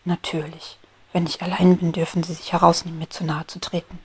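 A woman whispering a sharp-tongued little ant. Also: on the low side, level tone, a little fast, husky. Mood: indignant. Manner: sharp, indignant. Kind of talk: whispered role-play.

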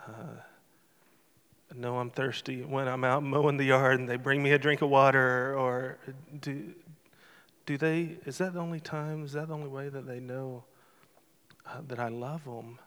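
A man's voice: mid-range voice, fairly even intonation, moderate pace, fairly bright tone, smooth. Earnest man speaking in a reverberant sanctuary. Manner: earnest, personal and emotional. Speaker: church speaker closing a testimony service. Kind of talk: heartfelt church talk. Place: church sanctuary. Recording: long hall reverb in a sanctuary.

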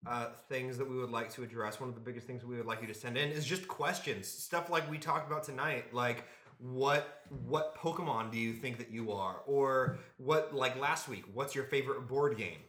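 A man's voice: medium pitch, normal speed, a bit bright, roomy sound. A man co-hosting a casual group podcast, talking with many restarts and fillers. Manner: hesitant, full of restarts. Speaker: podcast co-host.

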